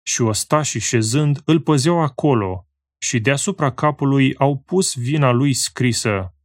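Man reading scripture, slow and measured. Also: mid-range voice, dry recording, studio quality. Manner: slow, measured, phrase-by-phrase delivery. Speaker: scripture reader. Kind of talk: solemn Bible reading.

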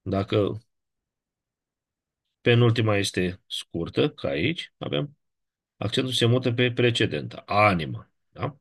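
Husky low-voiced Romanian man teaching Latin. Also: expressive, a bit bright. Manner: measured, explanatory, checks in with "da?". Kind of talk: classroom lecture.

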